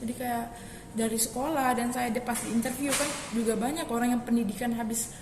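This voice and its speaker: A young woman tells her story in a casual interview, her somewhat high voice rambling along with restarts. She sounds like she is in a reverberant hall, with clear background noise. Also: fairly even intonation, fairly quick. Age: young adult. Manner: rambling, with many restarts and fillers.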